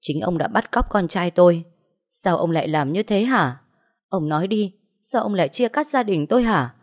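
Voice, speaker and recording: A woman's voice: lowish voice, lively intonation, moderate pace. Woman voicing a furious grieving mother. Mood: furious, anguished. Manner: shouting accusations.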